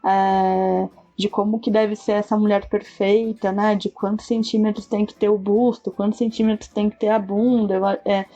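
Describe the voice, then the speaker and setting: A woman's voice: mid-range voice, flat delivery, moderate pace, few pauses, dark tone, dull audio, faint music behind. A woman with a Brazilian accent co-hosting a podcast chat, thoughtful and hesitant, with many restarts. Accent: Brazilian Portuguese. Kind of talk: casual chat.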